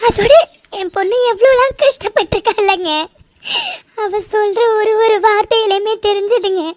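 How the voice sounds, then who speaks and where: A woman doing high tearful cartoon women. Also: moderate pace. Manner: tearful, pleading. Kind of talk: cartoon voice acting.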